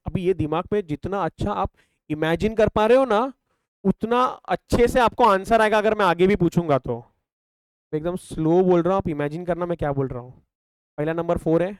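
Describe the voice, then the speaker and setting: A young Indian man leads a math class in a fairly high, smooth voice, firing questions at his students and answering them himself. He counts off steps aloud as he works a calculator, and the recording is close and dry. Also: a little fast, no echo. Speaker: math tutor.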